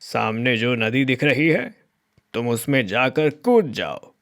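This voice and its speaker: A man voicing a wise, kindly old magic tree in a cartoon, speaking in a slow, chanting sing-song. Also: medium pitch, fairly bright tone. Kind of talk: cartoon voice acting.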